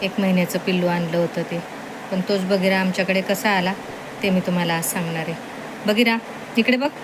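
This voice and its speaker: A woman's voice: on the low side, flat delivery, fairly quick, background noise. A middle-aged woman chatting at home on her vlog, telling viewers a family story in a homely, direct way. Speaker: pet vlogger.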